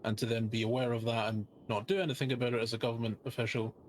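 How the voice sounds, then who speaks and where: A man giving improvised courtroom testimony as a justice, explaining in a measured, hesitant way. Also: medium pitch, little pitch movement, darkish tone, slight background noise. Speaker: witness, a justice in role-play.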